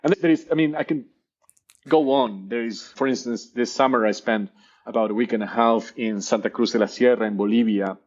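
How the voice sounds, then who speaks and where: In this casual interview clip, a professor who is the guest talks briskly in a mid-range voice, and the high frequencies are cut off. He's a native Spanish speaker with an Argentinian accent. Eager and animated, he keeps repeating words as he hunts for them.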